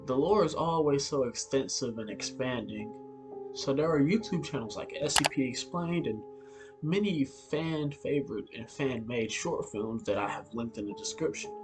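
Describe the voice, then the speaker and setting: At a moderate pace and in a mid-range voice, a man runs a casual online explainer video, speaking informally and stumbling now and then. Background music accompanies him, and the recording has a roomy echo.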